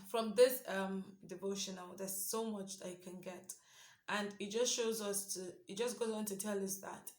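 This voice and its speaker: A young woman talks through a devotional reading in a relaxed, earnest way, as if thinking aloud to a friend. Her voice sits at an ordinary middle pitch, and the room gives it a noticeable echo. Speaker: devotional speaker. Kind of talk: casual devotional reflection. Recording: roomy echo.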